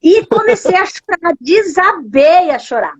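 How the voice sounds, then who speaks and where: A woman's voice: very high-pitched, very animated, measured pace. A woman with a Brazilian Portuguese accent, a pastor giving an emotional testimony in a live interview, her voice sometimes breaking. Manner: emotional storytelling, voice breaking at times. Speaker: guest, pastor. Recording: dull lo-fi live stream audio.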